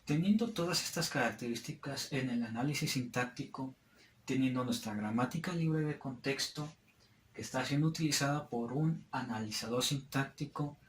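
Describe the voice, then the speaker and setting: A man's voice: medium pitch, normal speed, a little hiss or hum. Hesitant young man explaining, echoey room. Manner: hesitant, frequent fillers and restarts. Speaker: student presenter. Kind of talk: classroom explanation at a whiteboard.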